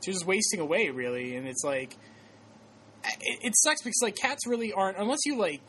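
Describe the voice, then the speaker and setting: Rambling podcast host with a lively voice. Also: male voice, high-pitched, brisk, a little hiss or hum. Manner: rambling storyteller, many fillers and restarts, laughs often. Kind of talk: casual podcast chat.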